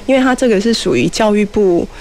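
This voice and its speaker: A middle-aged woman with a Taiwanese Mandarin accent speaks fast in a mid-range, slightly mellow voice, with a little background noise. She's a community college teacher appearing as a guest on a show, explaining things in a casual, chatty way, dropping into Hokkien and posing rhetorical questions.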